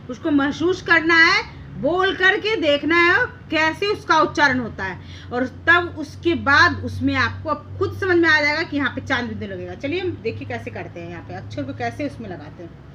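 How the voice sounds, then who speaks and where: A young woman teaching Hindi to children, asking questions and stretching out words slowly. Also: high voice, expressive, sharp tone, highs cut off, slight background noise. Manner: sing-song, drawing out sounds slowly, asking questions. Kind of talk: classroom lesson for kids.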